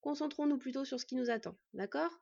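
A woman's voice: high-pitched, quick pace, creaky, a little mellow, slightly rough, dull audio, exaggerated voice. A woman voicing a young half-elf man in a read-aloud story, teasing and trying to sound confident and soothing. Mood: reassuring.

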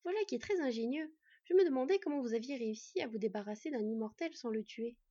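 A woman voicing a tired, gently teasing female wolf, speaking softly, in a slightly muffled recording. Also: a little high, lively intonation, quick pace, breathy edge. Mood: weary. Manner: soft and tired. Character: weary female wolf spirit, warm and teasing.

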